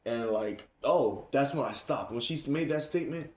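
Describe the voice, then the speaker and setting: Casual host, male, lively storyteller who laughs often and acts out quotes, mid-pitched voice, roomy echoey room. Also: normal speed. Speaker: streamer and host. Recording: roomy echo.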